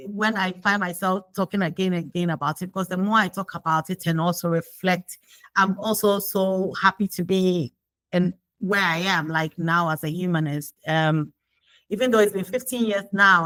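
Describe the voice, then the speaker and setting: A woman's voice: fairly low pitch, fairly bright tone, dry recording, poor audio. A woman from Ghana being interviewed, talking reflectively with frequent fillers and restarts. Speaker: guest. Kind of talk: conversational interview.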